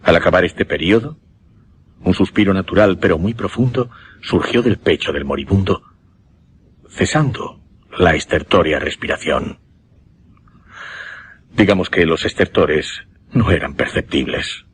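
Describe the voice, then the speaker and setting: This deep-voiced male actor brings an animated delivery to a solemn hypnotist describing a macabre experiment for Spanish radio drama. His Castilian accent and measured, dramatic pauses create a grave, suspenseful mood against slight background noise.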